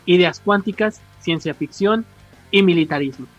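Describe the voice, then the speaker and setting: Talking about comics on a podcast he co-hosts, this Mexican man rambles casually and uses plenty of slang. His pitch is high and his pace moderate. The recording is dull, with music playing.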